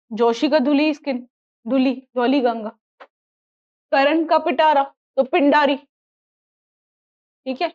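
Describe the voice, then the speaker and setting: A woman with an Indian accent lectures on geography with a high, unhurried voice, drilling memory tricks and checking if students follow. The sound is a little muffled and lo-fi. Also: darkish tone. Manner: repetitive, drills mnemonics, asks students questions. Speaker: geography teacher for exam prep. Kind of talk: classroom lecture mixing Hindi and English.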